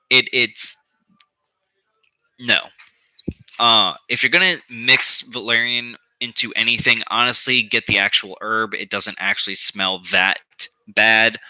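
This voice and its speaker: A man's voice: lowish voice, steady tone, takes it slowly, long pauses, pushed and bright, smooth, no echo, poor audio. A man giving a casual how-to vlog on occult practice, rambling with lots of ums and restarts and some profanity.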